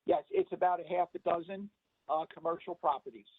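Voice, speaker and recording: A man on a county staff, speaking over the phone to answer board questions at a public meeting, halting and restarting as he explains. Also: high-pitched, slightly rough, no room sound. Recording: tinny dry phone line.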